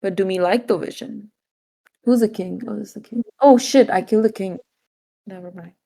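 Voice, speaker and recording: A woman's voice: mid-range voice, steady tone, brisk, vocal fry, mellow. A woman giving blunt, teasing feedback on a game in a casual chat.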